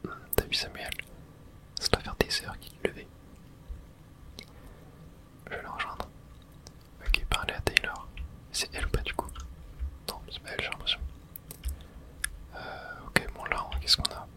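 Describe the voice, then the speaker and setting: During an ASMR video game playthrough, a person reads the dialogue out in a hushed, unvoiced whisper. They take their time and leave long pauses.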